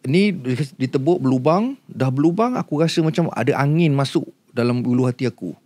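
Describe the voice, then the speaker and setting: A man's voice: medium pitch, expressive, fairly quick, darkish tone, no room sound. A man with a Malaysian Malay accent, a podcast guest earnestly recounting a near-death experience in casual chat, hesitant and emotional.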